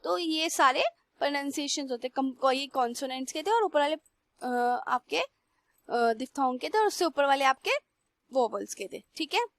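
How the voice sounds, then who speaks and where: A young woman teacher slowly reads textbook lines aloud and then explains them in Hindi. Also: sits high, no room sound. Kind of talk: classroom lesson.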